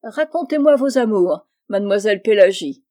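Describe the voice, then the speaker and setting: A woman voicing a witty, ironic middle-aged male diplomat in an audiobook reading, with a mellow tone and a dry manner. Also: medium pitch, lively intonation, normal speed, lightly acted.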